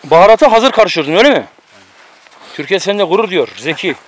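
This is a man with a fairly high voice, recorded outdoors on a mountain through a camera microphone. He keeps up a casual, bossy running commentary. He teases and instructs the friend cooking beside him. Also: expressive, fairly quick.

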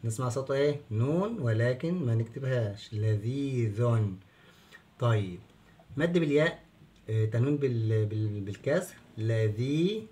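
A middle-aged Egyptian man gives a children's lesson at the whiteboard. His voice sits at an ordinary pitch. He talks patiently, poses questions and answers them himself, and draws key words out slowly so the children can follow. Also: lively intonation, darkish tone. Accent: Egyptian Arabic. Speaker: teacher.

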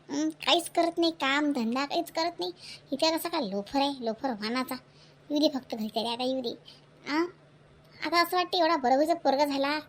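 A woman's voice: high voice, lightly acted. A woman with a Vidarbha Marathi accent voicing a fierce, scolding widowed village mother in a cartoon. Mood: worried grumbling. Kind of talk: cartoon voice acting.

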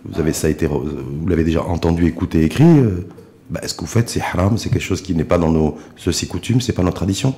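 A middle-aged man hosting a studio interview, posing questions with frequent rephrasing and drawn-out hesitations. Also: deep voice, lively intonation, warm tone. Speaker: interview host. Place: small radio-style studio. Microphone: desk microphone with pop filter.

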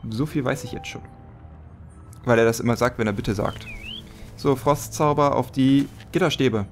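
Guy doing a let's play, medium pitch, chatty and jokey, thinking out loud, faint music behind. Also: normal speed. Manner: joking, thinking aloud. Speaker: let's player. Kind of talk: casual game commentary.

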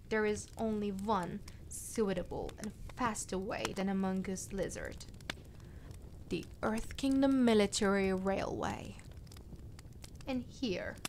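Woman as slow, scheming Princess Azula. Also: medium pitch, darkish tone. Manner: measured, conspiratorial, deliberate. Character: scheming young fire princess, commanding and calculating. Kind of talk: ASMR roleplay, addressing the listener. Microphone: close binaural microphone. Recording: clear background ambience noise. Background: crackling fire and night ambience.

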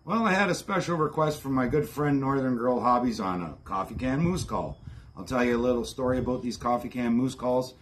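Canadian guy from ontario, 50s, folksy casual how-to talk out on the patio, regular mid pitch voice. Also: expressive, fairly quick, slight background noise. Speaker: host of outdoor preparedness channel. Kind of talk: casual how-to demonstration to camera. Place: covered backyard patio, outdoors.

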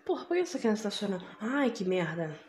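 A woman's voice: mid-range voice, sing-song, fast, darkish tone, slight background noise. A woman with a Brazilian Portuguese accent hosting a casual, profane let's play of a horror game, laughing along. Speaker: gaming channel host. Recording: echoey room, game music behind.

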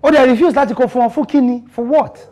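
A man's voice: extremely high pitch, fast talker, warm tone. An actor with a Nigerian accent playing a young man who lectures his housemate and then pleads with his girlfriend. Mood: bossy. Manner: code-switching, bossy, then stammering and pleading. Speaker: fiancé in a domestic drama.

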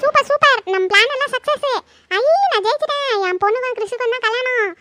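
A woman's voice: extremely high pitch, a little fast, loud music behind the voice, voice pushed up. A woman doing a gloating scheming mother. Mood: gleeful. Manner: gleeful, whispering asides. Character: scheming mother gloating over her secret plan.

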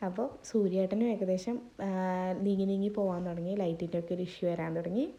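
A woman's voice: on the low side, fast talker, warm tone, highs cut off. A woman narrates a family vlog in a chatty, rambling way, her voice wavering from a sore throat. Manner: chatty, rambling, speaking to viewers. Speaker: family vlogger. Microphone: phone.

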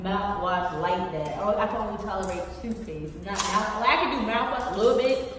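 A woman's voice: medium pitch, fairly quick. A woman in her twenties bickering casually on a vlog, blunt and complaining. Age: 20s. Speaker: vlogger in challenge video. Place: large bare room indoors. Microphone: camera a few feet away. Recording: echoey room, distant mic, clear background noise.

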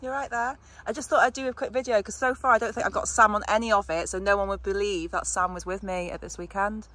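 A woman's voice: medium pitch, steady tone, fast talker, fairly bright tone. A woman in her thirties chatting casually and chirpily to her vlog, filmed on a phone at arm's length. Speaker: metal detecting vlogger. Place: outdoors in a grassy field campsite. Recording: noisy handheld outdoor phone recording.

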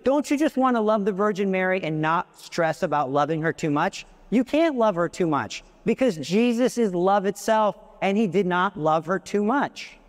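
A man with a high voice preaches to an audience in a large hall, and his words ring with long reverb. He is passionate and emphatic, lifting and dropping his voice sharply and tossing in joking asides. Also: expressive, moderate pace, hardly any pauses. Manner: passionate and emphatic, with big swings in pitch. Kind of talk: live devotional talk.

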